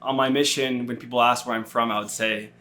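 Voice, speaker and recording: A man's voice: mid-range voice, fairly even intonation, fairly quick, pushed and bright, a little hiss or hum. A young man from Utah, a podcast guest, chatting in a friendly, easygoing way and chuckling now and then. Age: young adult. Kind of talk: casual chat.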